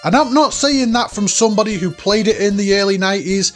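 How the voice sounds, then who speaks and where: A man's voice: high voice, fairly quick, faint music behind. A man around forty hosting a retro gaming video with enthusiastic, nostalgic, informal commentary and emphatic delivery. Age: late 30s to early 40s. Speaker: host of a retro gaming countdown. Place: cabin, indoors.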